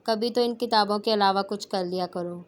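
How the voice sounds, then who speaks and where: A woman reading the lines of a firm, middle-aged mother in a novel, speaking calmly and dismissively. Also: mid-range voice, moderate pace, close to an everyday voice.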